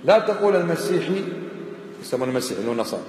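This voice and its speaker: A man's voice: a little high, big pitch swings, very fast, darkish tone. A man giving a religious lesson, pressing his listeners with insistent rhetorical questions. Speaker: religious teacher. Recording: echoey hall, faint background noise.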